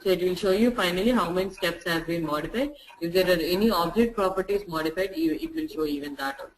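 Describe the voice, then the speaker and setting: A software testing instructor walks through a screen-share tutorial, repeating each step slowly so it is clear. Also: mid-range voice, slight background noise, poor audio. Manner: repeats phrases slowly for clarity.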